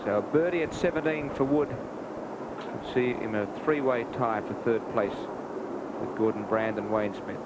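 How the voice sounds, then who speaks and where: A man's voice: medium pitch, moderate pace. A man giving golf commentary and score summaries on television. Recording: very noisy 1980s TV broadcast.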